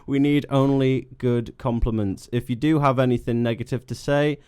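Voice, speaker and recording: A young man hosts a live local radio show from a studio, speaking into a studio microphone at a moderate pace in a medium-pitched, slightly mellow, fairly even voice. Chatty and self-deprecating, he laughs easily with his guest, with slight background noise audible.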